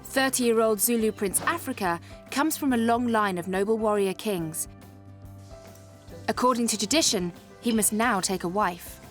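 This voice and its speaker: A woman giving scripted documentary narration in a brisk, even manner. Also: fairly high pitch, soft background music.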